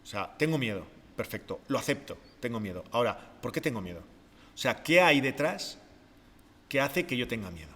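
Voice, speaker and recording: A man, explaining ideas step by step on a podcast in a calm, reflective way, often posing rhetorical questions. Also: mid-range voice, moderate pace, in a large hall. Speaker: podcast co-host, behavior expert.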